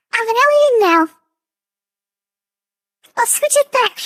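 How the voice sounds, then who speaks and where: A woman's voice: very high-pitched, expressive, extremely slow, a bit bright, no echo, studio quality, voice pushed up, exaggerated voice. A woman streamer talking through an AI voice changer that turns her into an artificial anime-girl voice, chatting playfully with her viewers. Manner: playful, teasing her chat. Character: synthetic high-pitched anime girl voice. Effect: AI voice changer with a synthetic anime-girl sound. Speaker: live streamer. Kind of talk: casual live-stream chat.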